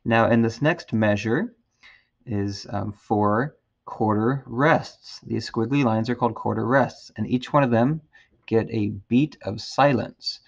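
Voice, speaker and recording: A man teaching a beginner trombone lesson, patient and encouraging, counting out loud with his students. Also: mid-range voice, unhurried, creaky, muffled recording. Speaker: music teacher.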